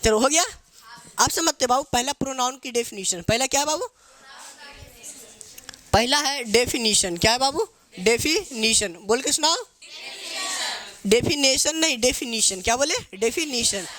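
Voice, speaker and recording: A male English teacher, teaching grammar to a live classroom in call-and-response style and dictating English phrases slowly. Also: very high voice, sharp tone. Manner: call-and-response drilling, asks students to repeat each answer. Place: classroom with students.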